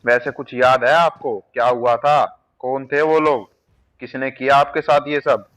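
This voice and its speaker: A loyal young friend voiced by a man talks in a gentle, reassuring way at an ordinary pitch. The voice is plain and everyday. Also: steady tone, a little slow, close to an everyday voice. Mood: soothing.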